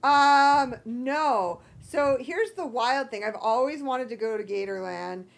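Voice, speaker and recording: Creaky, hoarse American woman chatting. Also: high-pitched, takes it slowly. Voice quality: hoarse, croaky allergy voice. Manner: self-deprecating, candid, salty. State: hoarse from allergies. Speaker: podcast co-host. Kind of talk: casual chat.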